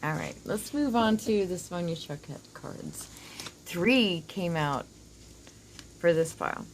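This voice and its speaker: Speaking slowly and expressively, a woman with a lowish voice hosts an oracle card reading for her viewers. The rough recording has a little hiss or hum, and dental work makes her s whistle. She rambles casually, stays informal and doesn't mind swearing.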